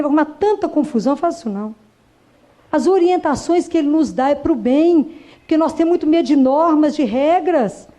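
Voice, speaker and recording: A Brazilian woman, a doctor, gives an informal religious talk full of personal stories, earnest and warm, lingering on key words and brisk and amused when she tells a story. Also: sits high. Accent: Brazilian Portuguese.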